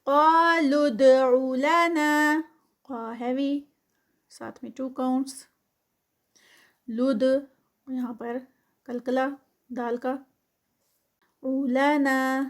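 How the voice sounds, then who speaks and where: A woman teaching tajweed, who slowly draws out the recited words and then explains each rule at a quicker pace. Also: sits high, flat delivery, darkish tone. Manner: slow drawn-out recitation alternating with quick explanation.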